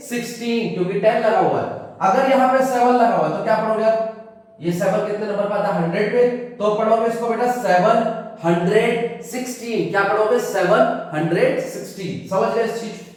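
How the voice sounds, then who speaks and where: A man teaching a maths lesson to children, asking questions and answering them himself, often calling the students "beta". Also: high voice. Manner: calls students "beta" warmly. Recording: echoey hall, voice from far off.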